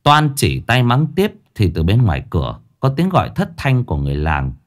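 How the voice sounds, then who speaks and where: A man narrating a ghost story in a lively, dramatic way. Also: medium pitch, fairly quick.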